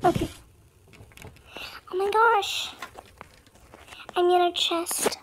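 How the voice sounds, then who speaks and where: Very slow and steady in tone, a youthful gamer narrates gameplay in a fairly bright, high-pitched voice altered by a voice changer. The commentary is casual, dramatic and playfully self-deprecating, and slight background noise is audible; he creates gaming videos.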